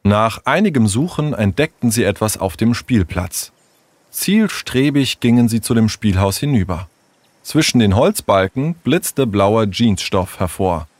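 A man narrating a children's audiobook in an expressive storytelling manner. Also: fairly low pitch, unhurried, no room sound.

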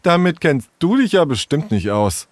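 A man's voice: a little high, very animated, normal speed, dry recording, pitched above the performer's own voice. A man doing a cool, aloof city girl. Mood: dismissive. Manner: curt, dismissive.

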